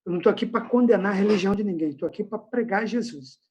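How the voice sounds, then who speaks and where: A man's voice: sits high, quick pace, darkish tone, muffled recording. Man preaching casually over a video call. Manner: casual, slangy, conversational preaching. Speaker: pastor. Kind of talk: informal Bible study Q&A. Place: at home.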